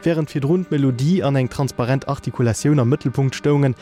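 A man reading a scripted music review for radio in a measured way. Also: medium pitch. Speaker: music critic.

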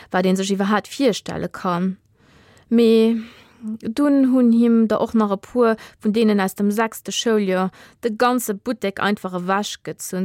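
A woman narrating a children's radio story in a lively reading voice, giving the characters their own voices. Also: medium pitch, dry recording, studio quality.

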